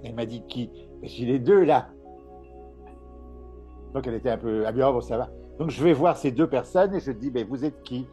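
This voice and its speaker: Chatty man with a dark, mellow voice. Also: medium pitch, normal speed, soft background music. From Paris. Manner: chatty storyteller, laughs often, many restarts. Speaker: medium and author, interview guest. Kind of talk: casual conversational interview.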